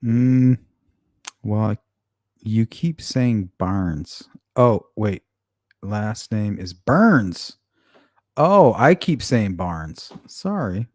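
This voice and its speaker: A man's voice: fairly low pitch, lively intonation, very slow, darkish tone, dry recording, clean studio sound. A man hosting a casual late-night stream, teasing and joking with his viewers and cursing freely. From Arizona. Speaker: live stream host.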